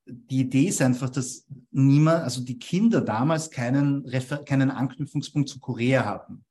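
A young Viennese man, a guest in an interview, explains copywriting ideas and tags his points with a questioning "ja?". His voice is mid-range and dark, at a normal speed.

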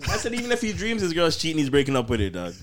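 A man's voice: on the high side, wildly swooping pitch, rapid-fire. A man hosting a casual podcast, teasing his friends in slangy street talk. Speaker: podcast host. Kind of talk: casual banter among friends.

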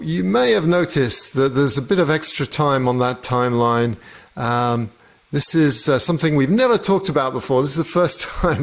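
A man hosting a podcast, chatting casually with a guest, with occasional fillers. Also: fairly high pitch. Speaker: podcast host. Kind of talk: casual interview talk.

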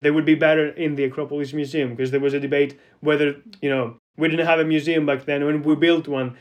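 Earnest and conversational, a Greek man in his twenties answers interview questions in accented English, dropping frequent "you know" fillers. He talks at a quick pace in a slightly high, level tone.

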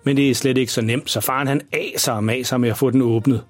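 A male storyteller reads a children's audio story in a calm, even way. His voice is slightly husky and recorded close and dry. Soft music stays faintly beneath him. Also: mid-range voice, no room sound.

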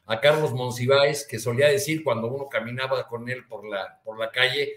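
A man with a Mexican Spanish accent, a columnist guest chatting casually and haltingly, with many restarts and fillers. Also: medium pitch, fairly even intonation, fairly bright tone, reverberant. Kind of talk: casual chat.

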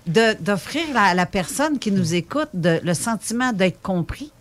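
A woman's voice: mid-range voice, animated, unhurried. A woman with a Québécois French accent, co-hosting a podcast in a chatty, teasing way. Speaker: podcast co-host. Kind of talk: casual chat.

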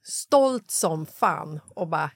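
A woman hosting a podcast in casual chat, an animated storyteller who acts out dialogue and swears freely. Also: sits low, creaky, husky, no echo, clean studio sound. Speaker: podcast host.

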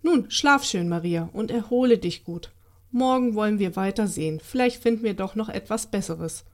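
A woman's voice: medium pitch, normal speed, natural voice. A woman voicing Josef, a caring and worried man, reading aloud for children. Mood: tender. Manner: earnest and fretful.

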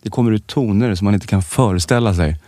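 A man co-hosting a podcast, telling stories in a joking, animated way. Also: lowish voice, dry recording, clean studio sound. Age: adult with children. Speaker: podcast co-host. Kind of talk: casual podcast chat.

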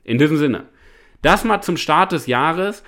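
Over and over he asks "ja?" of his audience, a motivational coach and podcast host delivering his points with emphasis. The voice is fairly high, expressive, a bit bright, and a little slow.

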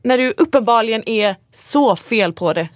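A woman's voice: a little high, animated, no echo, studio quality. A woman co-hosting a casual podcast, chatting and telling her own stories. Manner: chatty, agreeing, laughs while telling. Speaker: podcast co-host. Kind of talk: casual chat.

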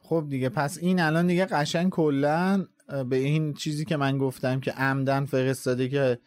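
A man's voice: medium pitch, fairly even intonation, a little mellow, no room sound. A man, a podcast co-host, chatting casually and agreeably about a book.

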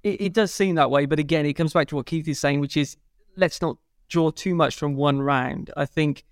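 A man's voice: on the high side, normal speed, dry recording, studio quality. A man speaking as a panellist in a casual discussion, carefully qualifying his points. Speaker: motorsport panellist.

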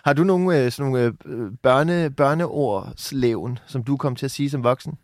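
A man's voice: medium pitch, dry recording, studio quality. A man co-hosting a podcast, chatting casually and throwing in teasing jokes. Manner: teasing, jokey interjections. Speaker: podcast co-host. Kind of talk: casual chat.

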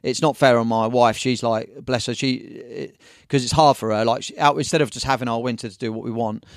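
Casting: English man, rapid rambling storyteller, slangy, dry close mic. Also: mid-range voice, steady tone, no echo. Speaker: guest, surf magazine owner. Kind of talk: casual podcast chat.

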